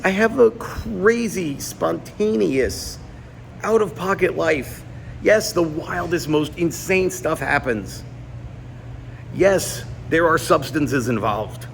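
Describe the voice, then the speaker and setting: A YouTuber in his forties talks candidly to his audience in a personal vlog monologue recorded in an indoor gym, his voice sitting in a middle register. Earnest and confiding, he presses hard on some points and drops low and quiet on others. A faint air conditioning hum runs underneath.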